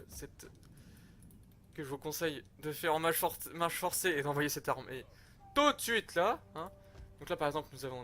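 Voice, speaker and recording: A man's voice: fairly high pitch, fairly bright tone, slight background noise. A young man giving rambling, slangy, self-mocking commentary over a strategy game he is playing. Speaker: gaming youtuber. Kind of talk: casual gameplay commentary.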